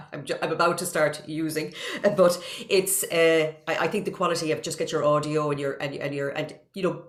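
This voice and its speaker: A woman's voice: sits low, fairly even intonation, moderate pace, echoey room. An Irish woman, a guest on an interview over a video call, talking casually and stumbling through many false starts and repeated words. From Ireland. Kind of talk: casual chat.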